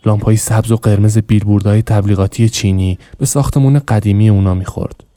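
A man narrating a novel as a podcast host, reading in an even, measured way. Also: fairly low pitch, dry recording.

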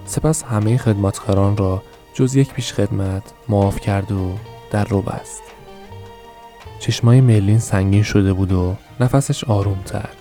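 A man narrating a novel for a podcast, reading in a steady, measured storytelling manner. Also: on the low side, soft background music. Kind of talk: scripted audiobook narration.

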